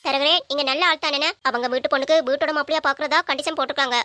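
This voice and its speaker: A woman's voice: high voice, steady tone, racing, bright, forceful tone, a little hiss or hum. A woman voicing a protective middle-aged mother who questions her son firmly, in an amateur audio drama.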